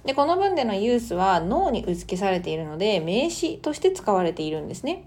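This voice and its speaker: A woman hosting a casual podcast lesson, explaining English phrases in a chatty way and reading example sentences slowly and carefully. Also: medium pitch, a little mellow. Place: Australia.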